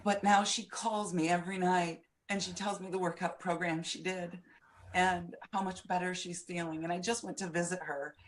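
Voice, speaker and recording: Low-voiced woman giving a heartfelt testimonial. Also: steady tone, normal speed, slight background noise. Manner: earnest, personal, with frequent fillers. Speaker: fitness coach. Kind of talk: webinar testimonial. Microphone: webcam on a video call.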